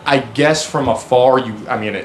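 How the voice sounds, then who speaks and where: A man's voice: mid-range voice, normal speed, a little hiss or hum. A man hosting a podcast in casual, slangy chat with casual swearing. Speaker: podcast host.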